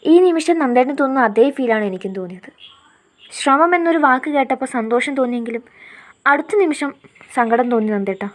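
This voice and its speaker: A woman's voice: high-pitched, lively intonation, fast. A woman reading a story aloud, voicing a young woman who is fiery and playful, insistent with a sulky edge. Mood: firm pleading. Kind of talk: storybook narration.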